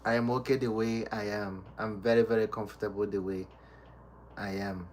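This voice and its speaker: A man's voice: fairly low pitch, a little hiss or hum. A man hosting a casual livestream, reading viewer comments aloud and teasing them with frequent laughter. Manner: slow, relaxed talk with many fillers. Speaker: livestream host reading chat. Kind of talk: casual live chat.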